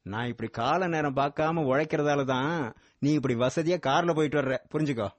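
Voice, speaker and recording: A man plays a busy businessman father who is stern and curt, lecturing his family. His voice is dry and close, at an ordinary middle pitch. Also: fairly quick, dry recording, natural voice.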